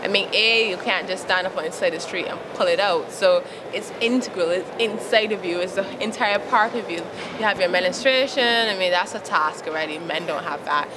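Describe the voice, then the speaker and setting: This young woman's voice is lowish and brisk, with hardly any pauses. A youth advocate from Barbados with a Barbadian accent, she's being interviewed outdoors amid traffic noise, answering frankly and laughing a lot.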